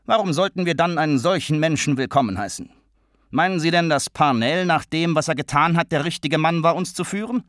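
A man's voice: on the high side, fairly quick, a bit bright, dry recording, studio quality, pitched above the performer's own voice, natural voice. A man voicing an argumentative, principled Irishman who argues his point insistently.

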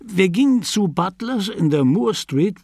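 A man reading an ailing, touchy middle-aged Dublin man in a raised, animated voice. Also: high voice, unhurried, husky, dry recording, clean studio sound, pitched above the performer's own voice, exaggerated voice. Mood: reminiscing.

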